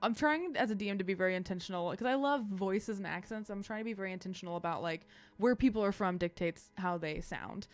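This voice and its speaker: A woman's voice: medium pitch, fast, few pauses, soft background music. Chatty woman game master narrating. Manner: chatty, loosely improvised with many fillers.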